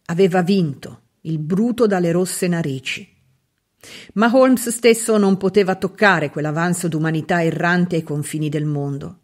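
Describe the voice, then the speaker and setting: Woman reading a novel aloud, measured. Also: on the low side. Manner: measured, expressive reading with dramatic pauses. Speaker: audiobook reader. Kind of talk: scripted literary narration.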